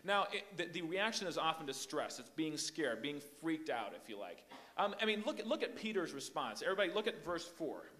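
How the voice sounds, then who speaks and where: A young man preaching to a youth group in a fairly high, lively voice. He grew up in Hong Kong and the Philippines. He talks in an animated, emphatic way and keeps repeating words as he builds each point. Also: brisk. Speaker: invited youth speaker. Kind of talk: youth sermon.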